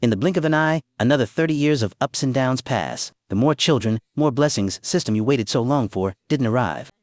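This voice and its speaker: A man recaps a story in the second person, with brisk, animated storytelling. His medium-pitched voice is recorded close and dry, with no echo.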